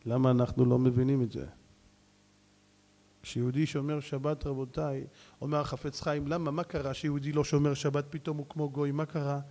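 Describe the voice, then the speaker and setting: A man, a rabbi, preaching a sermon with jokes and acted dialogue, shifting between shouts and hushed asides. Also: medium pitch, level tone.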